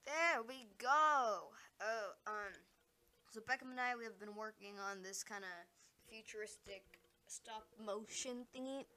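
A woman hosting a casual solo podcast, rambling and distracted, breaking into excited exclamations. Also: medium pitch, normal speed, a little hiss or hum. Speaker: podcast host.

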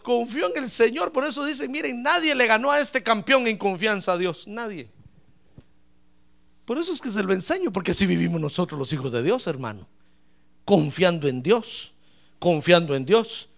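High, gravelly, fiery man preaching. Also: lively intonation, normal speed. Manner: impassioned preaching, shouting at peaks, addresses listeners as brother. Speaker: pastor. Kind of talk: sermon. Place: church.

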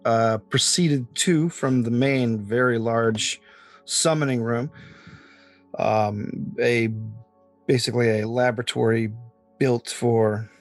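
A man running a tabletop game as game master, describing rooms in an unhurried way with many fillers. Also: mid-range voice.

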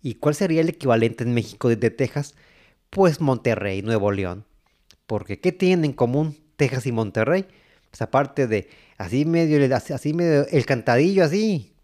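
A man with a Mexican accent giving casual, rambling commentary, halting and repeating words. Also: mid-range voice, lively intonation, a little mellow. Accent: Mexican Spanish. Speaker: host. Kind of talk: casual commentary on old cartoons.

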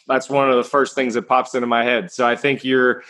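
A man's voice: medium pitch, little pitch movement, brisk, fairly bright tone. A man with a mid-range voice hosts a podcast interview. He affirms his guest eagerly and keeps the talk moving. His speech is casual, with small restarts. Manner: enthusiastic, affirming. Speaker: podcast host. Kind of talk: warm interview chat.

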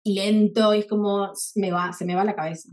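A woman hosting a podcast, with a Rioplatense Spanish accent, chatting quickly and casually with her guest. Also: medium pitch, steady tone. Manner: quick, chatty, admits to talking fast. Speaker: podcast host. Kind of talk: casual interview chat.

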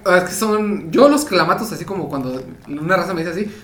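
A man with a Mexican accent, co-hosting a casual drinking chat in rapid slangy banter. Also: high voice, expressive, fairly bright tone. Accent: Mexican Spanish. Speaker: podcast co-host. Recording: echoey room.

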